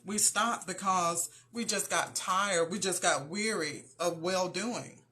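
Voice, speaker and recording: Woman, show host, earnest, encouraging faith-based talk, bright voice. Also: lowish voice, slow pace. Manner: earnest, speaks straight to listeners.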